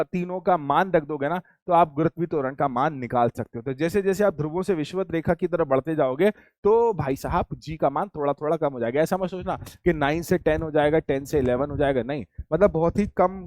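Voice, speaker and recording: A man's voice: a little high, a little fast, a little mellow, no echo. A man teaching a physics class online, repeating key points and quizzing his students with call-and-response questions. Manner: addresses students as beta and bachhe.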